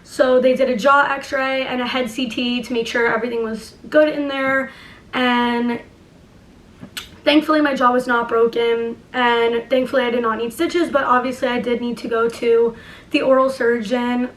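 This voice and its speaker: A woman's voice: fairly high pitch, level tone, moderate pace. A young woman with a lisp tells a personal story casually and emphatically, swearing and saying "like" a lot, talking through a sore jaw that barely opens. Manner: emphatic, swearing, heavy use of "like". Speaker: vlogger. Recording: echoey room, distant microphone.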